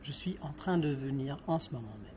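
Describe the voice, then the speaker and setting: A man's voice: mid-range voice, lively intonation, fairly quick, noisy background. A man lecturing on linguistics, explaining step by step, asking the class questions and repeating example words.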